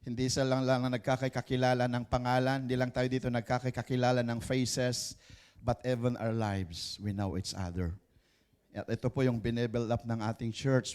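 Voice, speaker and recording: A man's voice: mid-range voice, level tone, normal speed, darkish tone, clear, resonant tone. A pastor preaching a live sermon in church, switching between Tagalog and English and often calling out to the congregation for an "Amen.".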